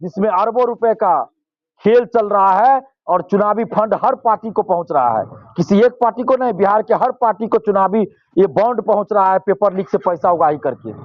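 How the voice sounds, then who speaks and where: A man's voice: sits high, no echo, highs cut off. A male student leader, giving impassioned interview answers and repeating phrases for force.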